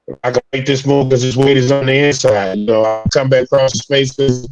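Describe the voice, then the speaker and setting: A man's voice: medium pitch, little pitch movement, brisk, over music. Man on a call, breaking up. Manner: laid-back, loose and chatty. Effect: voice breaking up over a bad internet connection. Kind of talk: casual chat. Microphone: video call. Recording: muffled, glitchy video call audio.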